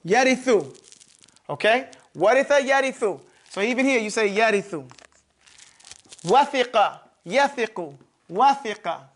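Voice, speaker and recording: A man's voice: very high voice, lively intonation, a little slow, fairly bright tone. A man teaching an Arabic grammar lesson in a mosque classroom, quizzing his students and drilling terms by repeating them.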